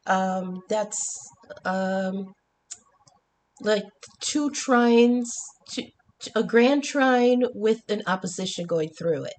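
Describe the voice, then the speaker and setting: A slow, slightly mellow mid-range voice belongs to a woman doing a chatty tarot and astrology reading while congested from the flu. The tarot reader keeps restarting, says um a lot, and swears casually from time to time.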